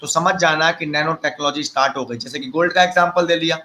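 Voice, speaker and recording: A man's voice: fairly high pitch, quick pace, pushed and bright, low-quality recording. A man, teaching a live online lecture and mixing chatty, teasing asides to his students into the explanation.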